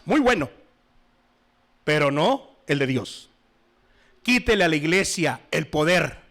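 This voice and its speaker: Emphatic Spanish-speaking man preaching a sermon. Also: a little high. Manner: emphatic, swings between loud exhortation and soft asides. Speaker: pastor.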